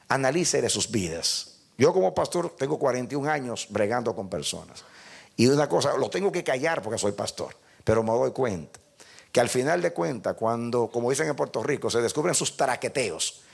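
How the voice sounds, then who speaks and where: A man's voice: mid-range voice, vocal fry. An older male pastor preaching a sermon, emphatic and speaking directly to his congregation.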